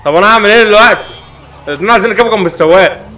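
Fast-talking Egyptian gamer, joking and excitable. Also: male voice, high-pitched. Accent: Egyptian Arabic. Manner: joking, excitable, talks back to the game. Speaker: gaming YouTuber. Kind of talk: Egyptian Arabic gameplay commentary.

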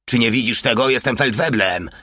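A man's voice: mid-range voice, fairly quick, pushed and bright, no room sound, clean studio sound, pitched above the performer's own voice. A man voicing a brutish, bullying male sergeant who barks threats, in an audiobook. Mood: threatening. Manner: barking, threatening.

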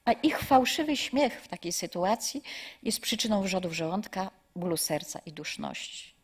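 A woman voicing Sadness as a gloomy, lonely male figure in a spoken story, complaining in a plaintive, breathy voice. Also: mid-range voice, expressive, moderate pace.

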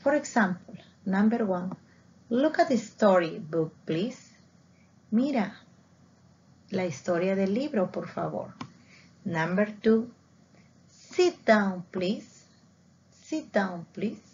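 A woman teacher giving a bilingual English lesson, spelling out words and repeating them slowly. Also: mid-range voice, expressive, a little mellow, slight background noise. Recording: dull lo-fi recording.

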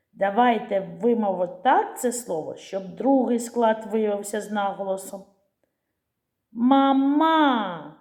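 A middle-aged woman teaching young children, sounding out words slowly syllable by syllable and calling out the stressed ones. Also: medium pitch, warm tone, echoey room. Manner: slow, clear syllable-by-syllable teaching with stretched emphasized words. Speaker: primary school teacher. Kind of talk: recorded lesson for young children.

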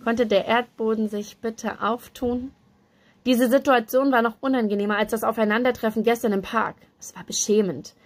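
A woman reading a novel aloud in steady, even storytelling narration. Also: a little high, moderate pace. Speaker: book reader.

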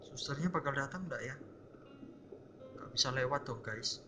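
A man's voice: medium pitch, moderate pace, over music. A young man giving casual, tense commentary on a horror game he is playing, talking to his viewers. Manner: jumpy, tense, keeps addressing viewers as guys. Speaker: gameplay streamer.

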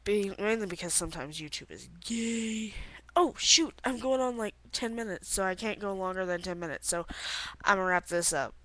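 A woman's voice: mid-range voice, normal speed, fairly bright tone. A young woman vlogging late at night on her laptop webcam at home, rambling and giggling, sleepy and yawning. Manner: rambling, giggly, lots of filler words. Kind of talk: casual video diary. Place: bedroom at home.

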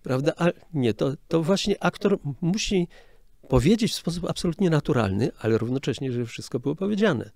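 A man's voice: on the high side, expressive, a little fast, gravelly, a little mellow, dry recording, studio quality. An older man, a film sound director, explaining his craft in an interview in a hesitant, explanatory way with frequent restarts. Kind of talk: casual interview talk.

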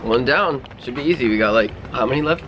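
A young man chats from beside the camera, making brief, easygoing remarks. His voice is relaxed and casual. Noticeable outdoor noise from the coast and the boat sits behind him. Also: medium pitch, fast talker. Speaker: vlogger's husband. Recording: noisy outdoor camera audio.

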